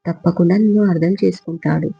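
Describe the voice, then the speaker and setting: A confident young man, played by a male storyteller, who hands out blunt orders and steady advice. The voice is high with a gravelly edge. The dull audio-story recording carries faint music. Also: quick pace, full character voice. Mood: reassuring. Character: young man, confident loyal friend and adviser.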